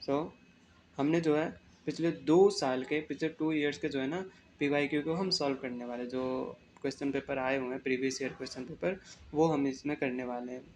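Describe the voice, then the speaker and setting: A young Indian man teaching an exam-prep lesson, reading English definitions slowly, then explaining them in Hindi. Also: mid-range voice, steady tone, a little mellow, a little hiss or hum.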